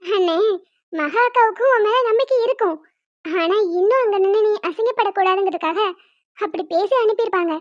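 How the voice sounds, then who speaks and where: A woman voicing a cheeky younger sister who teases in a drawn-out, mocking way in a cartoon. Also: very high voice, no room sound. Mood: teasing. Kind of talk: cartoon voice acting. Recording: dull lo-fi dry recording.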